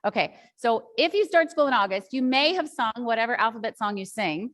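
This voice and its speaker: A woman's voice: on the high side, expressive, brisk, fairly bright tone. A woman teacher trainer giving a workshop talk to other teachers, telling a classroom story in a chatty, rambling way with many asides.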